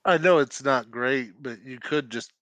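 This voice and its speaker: A man's voice: mid-range voice, a little slow, fairly bright tone, lo-fi sound. A man playing a tabletop game online, matter-of-fact with joking asides. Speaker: player. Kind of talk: casual chat during a tabletop game.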